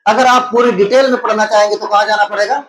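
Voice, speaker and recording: This exam-prep lecture comes from a male teacher with an Indian Urdu accent, speaking in a high, fairly bright voice with fairly even intonation. Key terms get repeated as he explains them, and he answers his own questions. The room has an echo.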